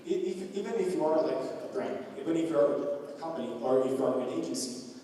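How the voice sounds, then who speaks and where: Speaking in a mellow, medium-pitched voice, a young adult man from Romania addresses a large conference hall. He talks loosely, with many fillers and restarts, and the recording is distant and echoey.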